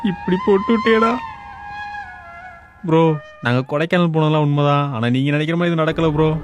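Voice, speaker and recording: A man's voice: on the high side, fairly even intonation, racing, lo-fi sound. A young man acting in a comedy sketch, talking in a flustered, nervous, pleading way. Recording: music under the voice.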